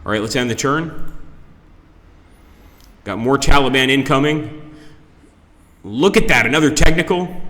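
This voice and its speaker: A man giving chatty, excitable live gameplay commentary, streaming from a conference room that gives his voice a cave-like echo. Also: medium pitch. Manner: chatty, excitable, swears at setbacks. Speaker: livestreamer. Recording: echoey conference room with long reverb.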